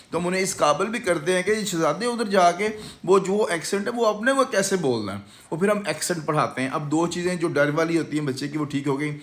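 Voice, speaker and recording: A man's voice: on the high side, fairly bright tone. Confident Pakistani-accented man. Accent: Pakistani Urdu. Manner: confident, salesy, mixes English words into Urdu. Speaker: English course instructor. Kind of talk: promotional talk to camera. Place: language institute.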